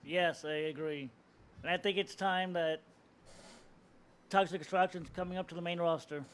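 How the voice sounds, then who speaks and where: A man's voice: high-pitched, fairly even intonation, moderate pace, slight background noise. A man co-hosting a wrestling podcast in casual chat, mostly agreeing and adding short remarks. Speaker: podcast co-host.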